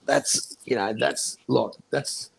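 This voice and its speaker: A man's voice: medium pitch, steady tone, slow pace, creaky, slightly rough. An Australian man in his forties chatting casually in blokey slang with heavy swearing. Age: 40s. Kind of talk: casual group chat.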